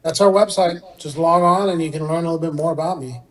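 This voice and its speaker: This guest surgeon, a middle-aged man born in Iran who grew up in Southern California, talks quickly in a higher-pitched voice over a rough recording. English is his second language, and he answers in a conversational way.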